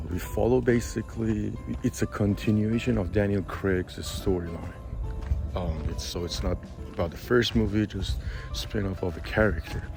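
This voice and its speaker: A man with a hoarse, raspy, whispery voice that is nearly gone, giving a casual, halting film review. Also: lowish voice, a little mellow.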